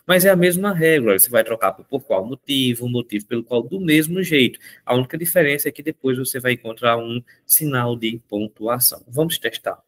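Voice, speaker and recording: A male teacher walks through a grammar lesson. He talks in a lively, coaxing way and repeats each rule to make it stick, his voice sitting at a middle pitch. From Northeast Brazil. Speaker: Portuguese teacher.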